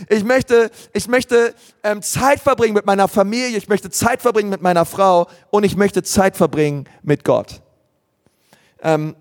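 A male pastor delivering a sermon, earnest and emphatic, who drives his points home by repeating them. His voice sits fairly high for a man. The sound carries a long echo, as if from a big hall. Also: darkish tone.

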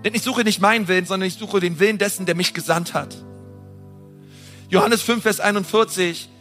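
Man, sermon preacher, high voice, bright tone, passionate, emphatic, casual direct address, faint music behind. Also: fairly even intonation, fairly quick. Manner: passionate, emphatic, swings from loud to soft.

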